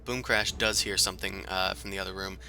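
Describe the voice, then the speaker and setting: Low-voiced, sharp-toned man running a game. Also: steady tone, creaky, faint music behind. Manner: describes scenes slowly with many fillers. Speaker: game master. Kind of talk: narrating a tabletop game.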